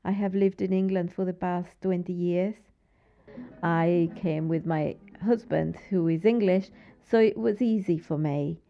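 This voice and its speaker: A woman with a Mexican Spanish accent speaks in a measured, earnest way. Her voice has a gravelly edge. The recording is a little dull. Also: on the low side, fairly even intonation, faint music behind. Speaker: interviewee. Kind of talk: personal account.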